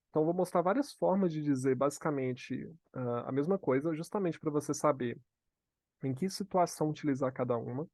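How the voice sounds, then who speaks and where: A man's voice: mid-range voice, darkish tone, no room sound. Brazilian man teaching an online lesson. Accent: Brazilian Portuguese. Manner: slow, exaggerated model phrases for students to repeat; frequent "tá?" check-ins. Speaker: English teacher.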